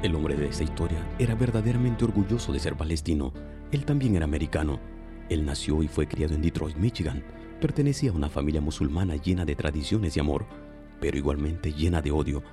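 Deep-voiced solemn radio narrator. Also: male voice, lively intonation, over music. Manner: solemn, measured. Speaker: program announcer and narrator. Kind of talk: scripted religious radio narration.

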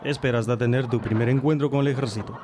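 A protective older brother in a radio drama, voiced by a man, earnest and full of warnings. Farmyard sounds and chickens are clearly heard behind him. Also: mid-range voice, fairly even intonation, fast talker, noisy background, natural voice.

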